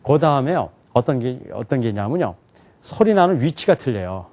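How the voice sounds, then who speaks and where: Male lecturer, lively rising and falling delivery, quizzes the room. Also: medium pitch, brisk. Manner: animated, asks the class questions and answers them himself. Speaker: English teacher. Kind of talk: lecture to a live class.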